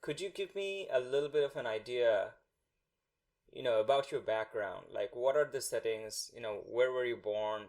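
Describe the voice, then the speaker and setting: A man's voice: medium pitch, moderate pace, darkish tone. Rambling male podcast host. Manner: rambling questions with fillers like "like" and "you know". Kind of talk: conversational interviewing.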